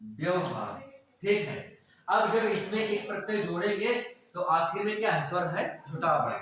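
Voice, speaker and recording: A man's voice: high voice, normal speed, a bit bright. A man teaching a grammar class who repeats words and quizzes his students, recorded in a classroom. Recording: echoey classroom, mic far off.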